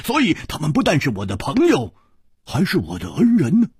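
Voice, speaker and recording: Man voicing a bold young swordsman, stammering, pitch swinging wildly, husky, slow. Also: wildly swooping pitch, no echo, clean studio sound, heavily acted. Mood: proud. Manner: stutters, repeats words. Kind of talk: storytelling narration.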